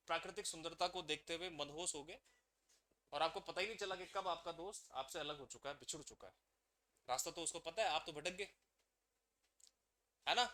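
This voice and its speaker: A man's voice: high-pitched, pushed and bright. A man teaching a grammar lesson to exam students. He keeps asking the class questions and then answers them himself.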